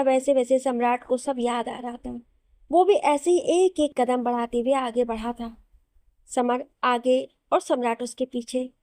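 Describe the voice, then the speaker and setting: A woman storyteller reads a romantic novel aloud and speaks each character's lines in her own voice. Her voice sits high and mellow. The recording is dry and close, with no room sound. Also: no echo.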